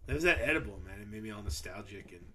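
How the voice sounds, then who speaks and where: A man from Canada hosts a casual podcast. His voice is bright and forward. He stays laid-back and mostly answers with short agreeing replies. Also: fairly low pitch, lively intonation, rapid-fire, slightly rough. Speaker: podcast host.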